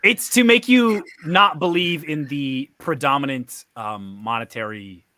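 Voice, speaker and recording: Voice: medium pitch, a little slow, bright, forceful tone. A game master narrating a tabletop game in an easygoing way. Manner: easygoing, filler-heavy narration.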